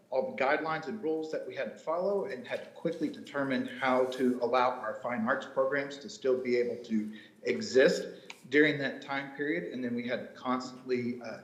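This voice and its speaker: Man in a roomy, echoing remote interview. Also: medium pitch. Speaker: job applicant, school fine arts director. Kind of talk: interview answer. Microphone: remote call.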